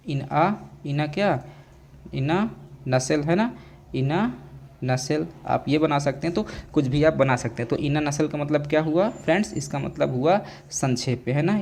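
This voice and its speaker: An Indian-accented male teacher with a fairly high voice runs an exam-prep English lesson. He asks the class questions and answers them himself. He slows right down to spell out each English phrase. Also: darkish tone.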